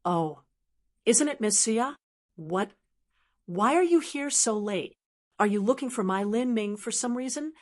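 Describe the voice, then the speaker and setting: A woman voicing a playful, sharp-tongued young woman who mocks her rival, in an audiobook. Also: medium pitch, lively intonation, moderate pace, lightly acted. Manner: whimsical, cynically teasing. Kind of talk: audiobook narration of dialogue.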